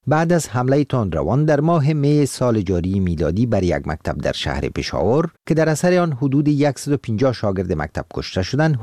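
Reporter guy, voice goes up and down a lot, mellow tone, dry studio sound. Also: lowish voice, dry recording. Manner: formal, lively intonation. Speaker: radio reporter. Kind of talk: read news report.

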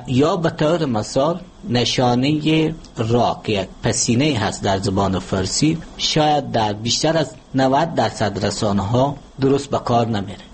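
A man, speaking as a language expert in an interview and explaining spelling and grammar in a measured, teacherly way with worked examples. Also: medium pitch, a little hiss or hum. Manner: measured, didactic, gives word examples. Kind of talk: formal explanatory interview answer.

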